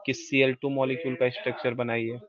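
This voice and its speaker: A man's voice: medium pitch, level tone, fairly quick, crowd noise. A male chemistry teacher running a live class. He coaxes students with questions, calls them "beta" and mixes in English terms. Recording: dull lo-fi dry sound.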